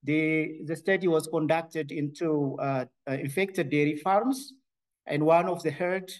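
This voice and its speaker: Speaking with an Ethiopian accent, a man from Ethiopia delivers a conference talk about his research in a steady voice on the high side. He pauses frequently, filling gaps with hesitations and starting phrases over.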